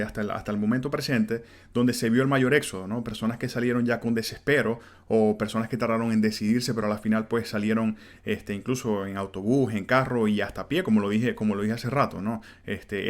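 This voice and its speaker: A man in his thirties from Venezuela with a Venezuelan Spanish accent, hosting a solo podcast in an earnest, conversational way. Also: mid-range voice. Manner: earnest, conversational, with fillers like "este" and "pues". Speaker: podcast host. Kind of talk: reflective solo podcast monologue.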